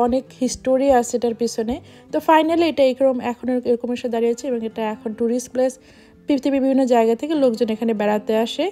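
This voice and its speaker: A woman's voice: fairly high pitch, dark tone. A woman from Bangladesh, a travel vlogger, narrating a voice-over in a reflective, explanatory way.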